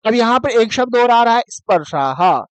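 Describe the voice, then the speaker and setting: In a dry recording, a man with a very high-pitched, animated voice teaches an online Sanskrit class at a moderate, smooth pace. He poses questions to his students and answers them himself, drilling sounds syllable by syllable. His explanations are in Hindi, mixed with Sanskrit read aloud.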